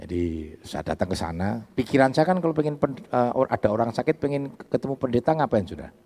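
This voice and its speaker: Male pastor, Javanese accent, husky voice, sermon, long hall reverb. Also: medium pitch, lively intonation, fast talker. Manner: addresses listeners as "saudara", building to loud preaching. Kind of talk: sermon with a story.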